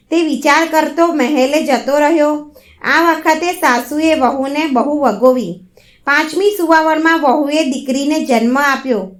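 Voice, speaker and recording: A woman narrating a devotional folk story in a steady, even read-aloud manner. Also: high-pitched.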